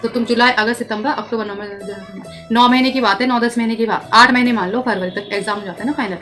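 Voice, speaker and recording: A mother in her thirties talking gently with her young son in a casual family vlog, soothing and coaxing him. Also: a little high, fairly even intonation, quick pace, faint music behind. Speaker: vlogger, mother.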